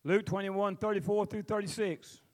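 A man's voice: high voice, normal speed. A man with a Southern US accent preaching as a pastor, folksy and rambling, drawling out scripture phrases. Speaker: pastor preaching to his congregation. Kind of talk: sermon, mixing scripture reading with plain exhortation.

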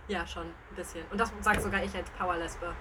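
A woman's voice: fairly low pitch, brisk, heavy background noise. A young woman co-hosting a casual podcast chat at home, teasing and laughing often. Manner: laughing, teasing, lively banter. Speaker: podcast co-host. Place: flat.

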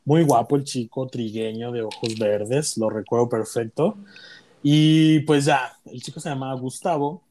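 A man's voice: mid-range voice, unhurried, slight background noise. Young Mexican man telling a candid story. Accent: Mexican Spanish. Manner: candid, animated, acts out quoted voices. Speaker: guest telling his story. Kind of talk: casual storytelling chat.

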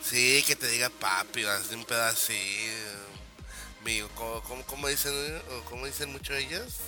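A man's voice: mid-range voice, steady tone, normal speed, over music. A young Mexican man in casual chat, joking crudely and talking in heavy slang.

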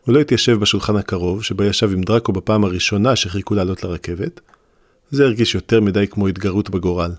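Low-voiced man reading a story. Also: no echo, studio quality. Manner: steady, measured reading. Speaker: audiobook narrator. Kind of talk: scripted narration.

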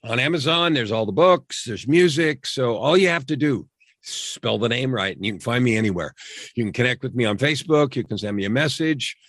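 A man's voice: lively intonation, brisk, fairly bright tone, no echo. Earnest motivational man, dry sound. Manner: earnest, repetitive, drops to a low emphatic voice on key phrases. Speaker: coach, podcast guest. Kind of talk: motivational interview talk.

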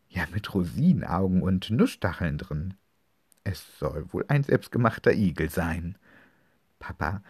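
Deep, husky, slow storytelling man. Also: dry recording, studio quality. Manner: gentle, cozy storytelling. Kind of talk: storybook narration.

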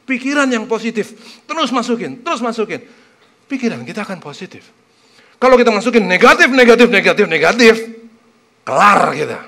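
Animated high-voiced male preacher. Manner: swings from hushed scripture reading to loud emphatic pleading; casual slangy preaching mixed with English words. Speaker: pastor. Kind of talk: sermon.

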